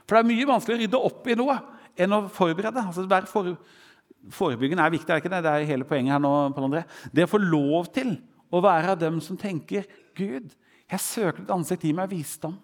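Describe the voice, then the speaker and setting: A man preaching a sermon, quoting scripture with a rising and falling voice. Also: high voice. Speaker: pastor. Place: church hall. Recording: church hall reverb.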